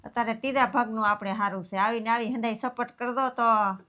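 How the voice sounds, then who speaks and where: A woman's voice: on the high side, steady tone, fast talker, sharp tone. A middle-aged mother, talking in a plain, homely way.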